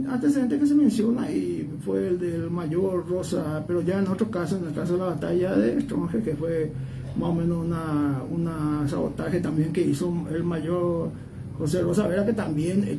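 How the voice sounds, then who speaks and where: This man, speaking with a Paraguayan accent, gives loose, digressive historical commentary as a guest, tagging his statements with questions to get agreement. His voice is high and creaky, his pace moderate. The mic is far away and the audio noisy.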